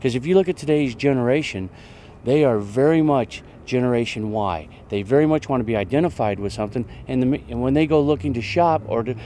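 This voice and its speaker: Man, mid pitch, earnest, persuasive, faint background noise. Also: expressive, a little fast, mellow. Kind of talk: promotional interview.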